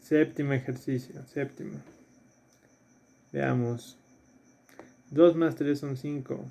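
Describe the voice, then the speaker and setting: Un hombre, profesor de filosofía, da una clase a distancia y repasa ejercicios paso a paso. Repite los términos clave y pregunta "¿sí?" a menudo. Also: male voice, medium pitch, fairly even intonation, slow pace, gravelly, mellow. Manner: explains step by step, repeats key terms, checks in with "¿sí?". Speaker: philosophy teacher. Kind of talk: recorded remote lesson reviewing exercises.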